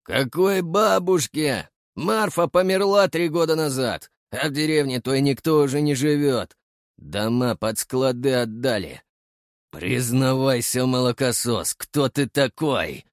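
Bullying thug read by a guy, gruff and suspicious, swings up and down. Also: high voice, sing-song, a little slow, a little mellow, dry recording, studio quality, voice pushed up, exaggerated voice. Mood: menacing. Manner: growling, bullying. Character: hulking hungover village thug, gruff and suspicious.

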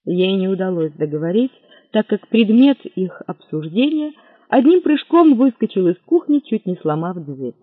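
A man reads a story aloud in a high, lively, measured voice. The recording is dry and tinny, cut down to a narrow band like a radio. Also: slightly rough, no room sound. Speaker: audiobook narrator. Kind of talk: scripted narration.

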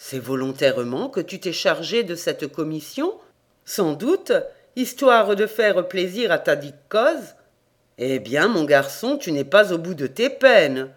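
An audiobook reader voicing a stern older country priest, reading his lines in a measured, admonishing way. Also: mid-range voice, very animated.

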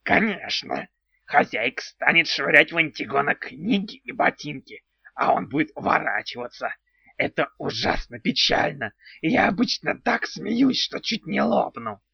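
An impish male house spirit from a storybook drawls his words slowly and strangely, always naming himself in the third person, as a man puts him on. His voice is gravelly and dry. The recording sounds dull and lo-fi. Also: a little high, sing-song, dry recording, heavily acted. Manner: slow, odd, talks of himself in third person. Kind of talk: audiobook character voice.

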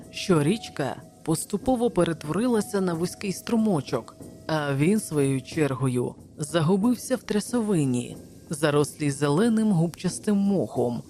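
A woman narrates an adventure novel in a low, steady voice. Her delivery is measured and even, with the calm pacing of a practiced reader. Soft music plays faintly beneath her. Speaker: audiobook narrator. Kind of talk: audiobook narration.

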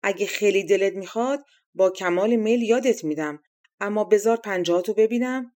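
A woman voicing a calm, clever young male tailor in a storybook tale, speaking matter-of-factly. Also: medium pitch, lightly acted.

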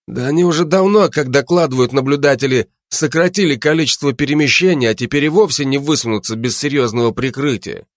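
A man's voice: mid-range voice, fast, hardly any pauses, no room sound, clean studio sound, pitched above the performer's own voice, close to an everyday voice. A man voicing a burly, skeptical gangster who argues back sarcastically.

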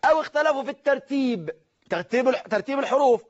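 Man, Egyptian Arabic accent, high voice, teacher, slow deliberate recitation, quizzing the class, muffled lo-fi broadcast audio. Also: animated. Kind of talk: televised classroom lesson.

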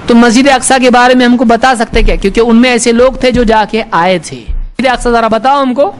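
A man with a very high voice delivers a sermon, reading Arabic lines and retelling them in everyday Urdu. He shifts his tone to play the people in the story. Faint background noise with passing vehicles sits behind him. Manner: quotes Arabic text then explains in colloquial Urdu; acts out the speakers in the story with changing tone. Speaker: Islamic preacher.

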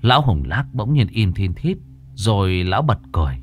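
A man narrating a ghost story in a measured, dramatic storytelling manner. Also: on the low side, very animated, faint music behind.

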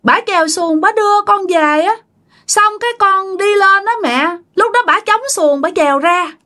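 A woman voicing the ghost of a drowned little boy, cold and hungry, pleading with his mother in a high wailing child's voice. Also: normal speed, bright, forceful tone.

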